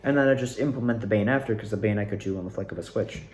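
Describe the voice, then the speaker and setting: A young amateur actor and video maker talks casually and off the cuff to his viewers, rambling hesitantly and often trailing off. His voice is lowish, quick and slightly mellow. The echoey room adds a faint hiss or hum.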